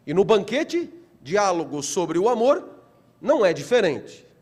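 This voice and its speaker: A middle-aged Brazilian man with a Brazilian Portuguese accent gives a philosophy lecture with theatrical flair. His fairly high voice moves in slow, deliberate phrases that climb to loud, animated peaks, and he asks rhetorical questions and repeats phrases for emphasis.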